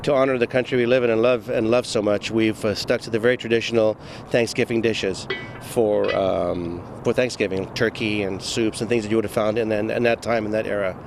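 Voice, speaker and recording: A man's voice: lowish voice, steady tone, a little fast, noisy background. A man from Zimbabwe, an executive chef, giving a chatty, stop-start cooking demo full of fillers on an outdoor patio for morning news.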